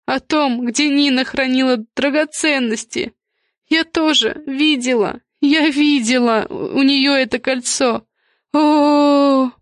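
A woman's voice: high-pitched, steady tone, slow, no echo, pitched above the performer's own voice. A woman voicing a frantic middle-aged mother and manager, pleading and bewildered, near tears, in a raised voice. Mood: anguished.

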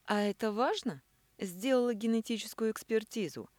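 A woman's voice: medium pitch, big pitch swings, normal speed, a little mellow, no room sound, pitched above the performer's own voice, lightly acted. A woman voicing a vengeful, scheming woman who taunts in a sugary, cold tone, reading an audiobook. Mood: taunting.

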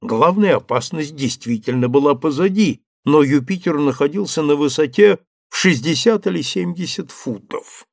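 A man reading a story aloud as narrator, measured and even, on a close mic. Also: a little high, gravelly, no echo. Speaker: audiobook narrator.

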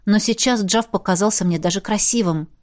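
A woman narrating a first-person fantasy audiobook in a steady, expressive reading. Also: mid-range voice, fairly quick.

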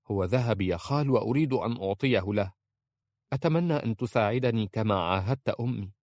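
A man's voice: fairly low pitch, expressive, fairly quick, a little mellow, dry recording, studio quality, lightly acted. A man voicing a desperate young wife who pleads urgently for her husband's life. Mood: determined.

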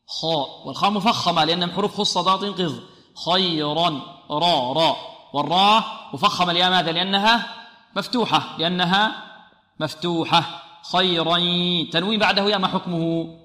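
A man teaching tajweed, explaining the rules and reciting the verses slowly. He asks questions and answers them himself. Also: on the high side, bright, forceful tone, reverberant, big-room sound. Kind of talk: tajweed lesson with slow recitation.

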